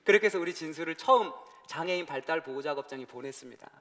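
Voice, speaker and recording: A man's voice: on the high side, animated, quick pace, a bit bright. A male pastor telling a personal story in a sermon, acting out phone calls and voices as he goes. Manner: storytelling, acts out calls and his brother's voice. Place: church sanctuary. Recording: church hall reverb.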